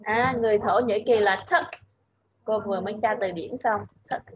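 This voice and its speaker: A woman tutor in an online English lesson, patiently saying words slowly so her student can repeat them. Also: mid-range voice, lo-fi sound, slight background noise.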